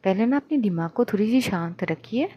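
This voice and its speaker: A woman voicing a young woman friend who calmly chides and reasons with her friend. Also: medium pitch, moderate pace, lo-fi sound, lightly acted. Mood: reasoning. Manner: chiding, reasoning.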